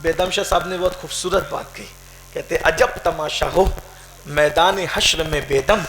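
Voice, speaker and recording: A man preaching an impassioned sermon, swinging from shouted climaxes to quiet questioning. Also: a little high. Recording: echoey hall with crowd.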